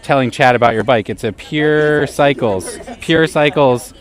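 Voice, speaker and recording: A man's voice: mid-range voice, a little slow. A man live-streaming outdoors in a city park on a wireless mic that keeps cutting out, so his volume jumps up and down while he chats with his viewers. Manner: chatty, talks straight to his viewers. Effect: audio cutting out, uneven volume. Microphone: wireless clip mic.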